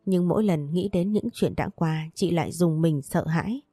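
A woman narrating an audiobook story in a steady, even storytelling manner. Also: lowish voice, normal speed, breathy edge, dry recording, clean studio sound.

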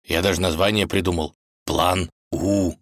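A man's voice: deep voice, steady tone, moderate pace, a bit bright, no room sound, studio quality. A man voicing a cunning, self-important male wolf who speaks slyly and commandingly in a fairy tale. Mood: scheming. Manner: sly, commanding, self-assured.

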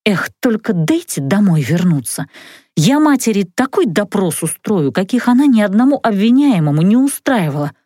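A woman reading a first-person fantasy audiobook with expressive, ironic storytelling. Her pitch moves up and down a lot. The recording is dry and close, with no room sound. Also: moderate pace, dry recording. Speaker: audiobook narrator.

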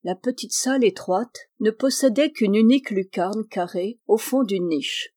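A woman narrating a literary novel in a measured, expressive reading. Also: medium pitch. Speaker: audiobook reader.

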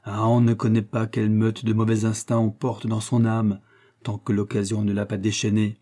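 A man reading the part of an aristocratic woman confessing a dark temptation, in an intense, grave manner. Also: lowish voice, monotone, moderate pace, lightly acted.

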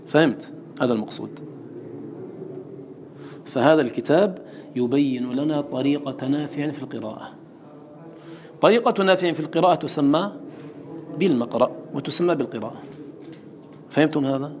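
A man's voice: medium pitch, darkish tone, a little hiss or hum. A man teaching a class on Quran recitation. He explains terms, quotes verses and checks understanding with questions. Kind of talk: classroom lesson.

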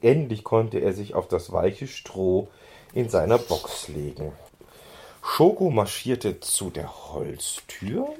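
A man reading a children's book aloud in an expressive storytelling manner, on a handheld recorder. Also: low-pitched, vocal fry, a little hiss or hum. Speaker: reader.

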